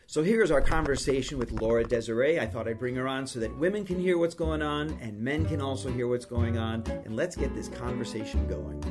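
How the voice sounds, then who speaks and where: A man's voice: medium pitch, a little fast, hardly any pauses, over loud music. A middle-aged man hosting a podcast, talking frankly and reassuringly in a casual advice style. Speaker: podcast host.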